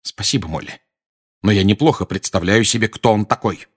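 A defiant, cool-headed wizard in an audiobook, voiced by a male narrator in a low voice lifted only slightly above his usual range. He speaks calmly and coldly, and his pitch moves with lively turns. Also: a little fast. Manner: calm, cold, and sometimes irritated. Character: cool, defiant grown wizard, godfather type.

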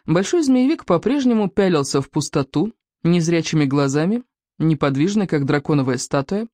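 An audiobook narrator reading an adventure story with animated, dramatic delivery that slows and stretches words for suspense. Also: mid-range voice, dry recording, clean studio sound.

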